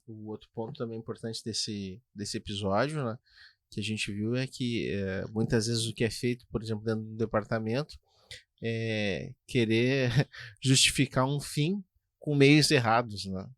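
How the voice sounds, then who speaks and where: Measured man explaining, dry mic. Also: lowish voice, no echo. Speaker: podcast co-host. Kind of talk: casual pastoral podcast talk.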